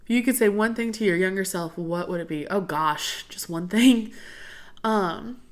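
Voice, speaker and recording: A woman's voice: medium pitch, normal speed. A young woman from the southern United States chatting casually on a livestream, laughing often and sniffling from draining sinuses as she answers viewer questions. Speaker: livestream host.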